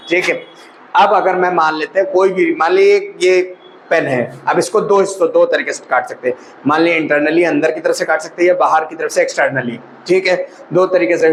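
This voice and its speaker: A man's voice: a little high, slight background noise, low-quality recording. A male maths teacher explaining a lesson to students. He asks them questions and answers them himself, and calls them brother or child.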